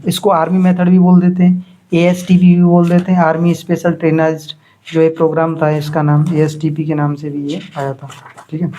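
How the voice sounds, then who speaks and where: A man's voice: on the high side, mellow. A man, lecturing to students and explaining points by repeating and contrasting them. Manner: explains by contrast and repetition, reads English terms slowly. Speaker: teacher. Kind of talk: classroom lecture.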